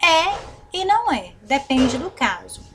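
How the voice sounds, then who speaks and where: Brazilian woman as a patient schoolteacher, a touch high, stretches syllables, faint hiss behind. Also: big pitch swings. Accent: Brazilian Portuguese. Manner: slow, drawn-out repetition of syllables, frequent "né?" and "tá certo?" check-ins. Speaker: teacher. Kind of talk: recorded online grammar lesson.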